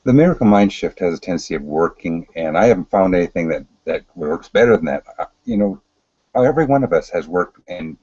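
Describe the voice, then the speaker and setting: A man giving an unscripted spiritual talk in a calm, earnest, deliberate way, repeating phrases as he goes. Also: sits low, slightly rough, dry recording, muffled recording. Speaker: spiritual teacher.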